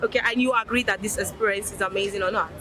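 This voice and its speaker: A woman's voice: medium pitch, steady tone, fast, bright, forceful tone, a faint crowd. A woman interviewing guests at an outdoor fashion event, chatty and playful, on a handheld mic. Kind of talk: street vox-pop interview.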